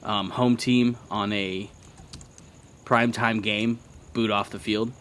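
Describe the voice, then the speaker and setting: A man with a slightly low voice hosts a loose sports podcast outdoors in a backyard at night. He banters and curses freely while trying not to be too loud for the neighbours. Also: fairly even intonation, takes it slowly, a little hiss or hum. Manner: profane, joking banter; keeping somewhat quiet outdoors so as not to disturb neighbours. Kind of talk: casual podcast chat.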